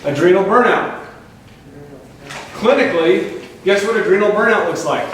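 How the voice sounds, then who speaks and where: An energetic man with a slightly high voice lecturing a live audience, quizzing them and slipping in sarcastic asides. He is heard from a distance in a very echoey room, with faint noise behind him. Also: moderate pace. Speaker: chiropractor presenting a health workshop.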